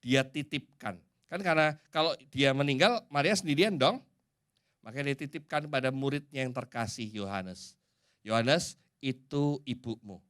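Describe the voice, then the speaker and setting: A man with an Indonesian accent preaching a sermon in a church, swinging from loud and emphatic to hushed. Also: mid-range voice, moderate pace, clear, resonant tone.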